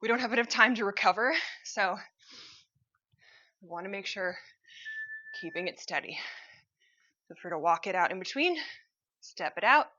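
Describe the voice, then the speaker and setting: A woman with a bright, forceful voice coaches a cardio workout while moving along with it. She talks in an upbeat, encouraging way and cues each exercise as it happens. The audio is slightly dull and muffled. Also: mid-range voice, lively intonation, normal speed, pauses often. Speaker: fitness instructor.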